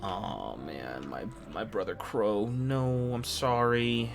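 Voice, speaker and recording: A man giving casual gameplay commentary, earnest and halting as he rambles through his reactions. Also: fairly low pitch, creaky, faint music behind. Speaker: gamer reacting to game story.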